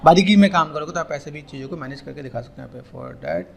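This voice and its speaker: Gravelly, higher-voiced man teaching software. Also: fast. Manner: repetitive, keeps saying "here" and "okay". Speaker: software tutorial instructor. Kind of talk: casual screen-recorded tutorial.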